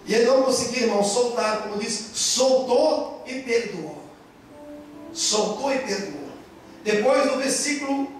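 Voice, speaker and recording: High-voiced preaching man in echoey hall. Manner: impassioned preaching, swings between loud and soft. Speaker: pastor. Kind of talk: sermon. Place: church hall in Japan. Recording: very echoey church hall, far from mic, faint music.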